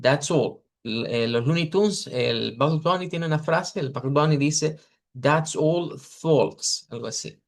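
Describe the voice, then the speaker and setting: A man teaching an English pronunciation class over a video call, patiently repeating model words slowly for his students. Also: a little high, creaky. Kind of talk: online class correcting students.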